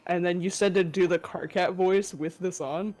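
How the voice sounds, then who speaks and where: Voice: mid-range voice, steady tone, moderate pace, darkish tone. A person talking through a voice changer during a casual group reading on a live stream.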